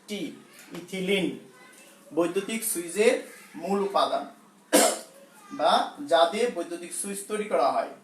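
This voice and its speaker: With a Bangladeshi Bengali accent and a high-pitched voice, a male teacher leads a science class, repeating key terms slowly. He pauses often with fillers and self-corrections. The audio is poor and roomy, with slight background noise.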